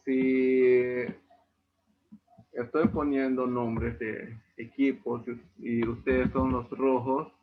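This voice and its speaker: This online language class comes from a man with a Yucatecan Spanish accent who explains patiently through tinny video-call audio. He speaks very slowly in a mid-range, level voice, and there's a little hiss or hum.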